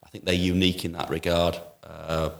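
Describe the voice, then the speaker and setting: Deep, flat-voiced shop owner. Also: male voice, gravelly. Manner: measured, with frequent "uh" pauses and restarts. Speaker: kitchen appliance shop owner. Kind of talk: business interview.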